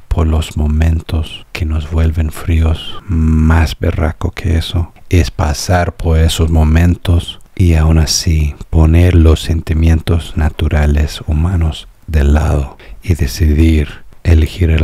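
A man's voice: a bass voice, warm tone, husky, no room sound. A young man with an American accent, a native English speaker, talking through his thoughts in a casual, searching reaction vlog. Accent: American, speaking Spanish. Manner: thoughtful, searching, with restarts and musing questions. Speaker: music reaction vlogger. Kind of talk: casual reflective monologue.

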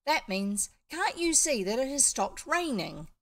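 A woman's voice: sits high, big pitch swings, unhurried, voice pushed up, exaggerated voice. A woman voicing a clever, bossy female parrot in a storybook, speaking in an insistent, emphatic, instructive way.

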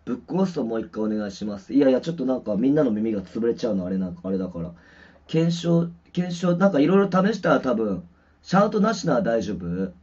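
A man's voice: medium pitch, big pitch swings, quick pace, a little mellow, husky. Mumbling man testing his stream audio. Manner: mumbling, rambling, many fillers. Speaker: musician livestreaming. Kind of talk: casual livestream chat, mic check. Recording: dull lo-fi stream audio with distortion.

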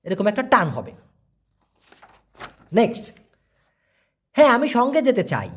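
A language teacher from Bangladesh speaks. The teacher gives an online lesson at a medium pitch and says each example phrase slowly several times. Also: huge pitch swings, slightly rough.

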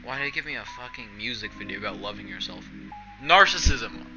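A man's voice: medium pitch, animated, fairly quick, pushed and bright, soft background music, low-quality recording. A young man chatting casually while streaming from his bedroom, rambling in a self-deprecating, sarcastic way with plenty of swearing. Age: young adult. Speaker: streamer and video editor. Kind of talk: casual rambling livestream chat. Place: small bedroom indoors.

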